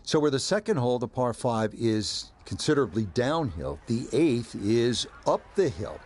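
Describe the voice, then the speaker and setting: A man playing a composed golf commentator, with measured, scripted broadcast delivery and folksy asides, in a video game. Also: mid-range voice, very animated, darkish tone, natural voice. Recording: crowd ambience and clear background noise. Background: golf crowd ambience.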